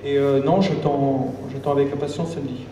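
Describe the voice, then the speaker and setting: A man, a boxer, answering press conference questions in a hesitant, measured, earnest way. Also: medium pitch, fairly even intonation, mellow, muffled recording. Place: echoey press conference room. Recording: echoey hall, distant mic, faint noise.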